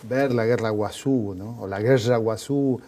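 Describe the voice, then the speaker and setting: A man's voice: fairly low pitch, measured pace, dark tone. A man interviewing a guest, speaking in a reflective, explanatory way. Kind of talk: cultural conversation, interviewer.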